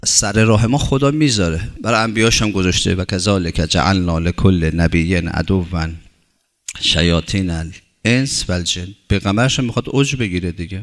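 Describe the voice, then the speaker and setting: A man preaching a sermon as a religious teacher, building his points through long runs of short, repeated phrases and reciting Arabic scripture before explaining it. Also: low voice.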